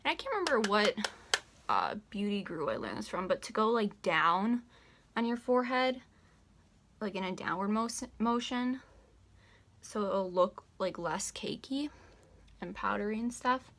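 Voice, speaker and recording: A woman's voice: medium pitch, very animated, normal speed, long pauses, a bit bright. A young woman in her late teens talks through her makeup routine at home in a loose, rambling way, leaning on filler words. She is short of breath as she speaks. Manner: chatty, rambling, many "like" fillers. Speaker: beauty vlogger. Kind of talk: casual makeup tutorial chat.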